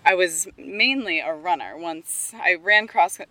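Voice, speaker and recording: A woman with a slightly low voice talks casually as an interview guest. She is outdoors and speaks in an informal, somewhat halting way. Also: expressive, pushed and bright. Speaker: interview guest, Pilates studio co-owner.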